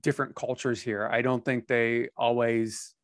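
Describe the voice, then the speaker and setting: An American man in his forties hosts a podcast interview over video from a small home studio, speaking into a close headset mic with no echo. His mid-range voice barely moves in pitch and keeps a moderate pace. The casual conversation rambles and hesitates, full of "you know" and "um."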